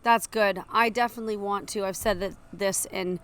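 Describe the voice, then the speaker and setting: A woman in her twenties co-hosting a podcast, chatting breezily with quick asides. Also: medium pitch, steady tone, a bit bright. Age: 20s. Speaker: podcast co-host. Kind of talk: casual chat.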